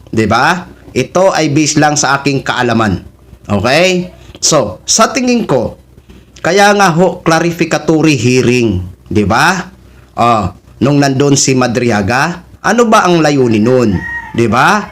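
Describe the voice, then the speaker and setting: A man's voice: mid-range voice, expressive, slow pace, a bit bright. A man, hosting a reaction video and speaking politely and casually to his viewers. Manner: polite, uses respectful "ho" and "po".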